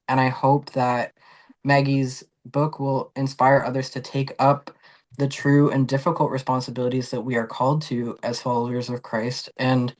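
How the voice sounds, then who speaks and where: An earnest speaker gives a measured tribute over a video call. The delivery is flat and even in pitch, broken by hesitant fillers. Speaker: former parishioner giving a tribute. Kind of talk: prepared tribute in a webinar.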